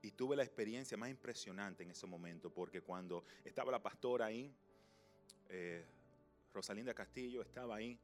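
Young man, sermon, hushed to loud swings, faint music bed. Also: lowish voice. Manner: storytelling, swings from loud to soft and slow. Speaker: pastor.

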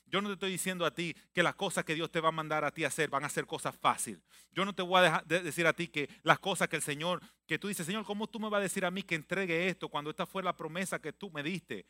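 A man preaching a sermon emphatically, repeating phrases and swinging between loud declarations and hushed, reflective passages. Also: fairly high pitch, fast talker, no echo. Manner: mixes in English phrases.

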